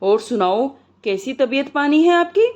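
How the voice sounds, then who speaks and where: Woman doing a loud deaf son-in-law. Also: high-pitched, expressive, unhurried, pitched above the performer's own voice. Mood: loud cheerful. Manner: shouting everything loudly.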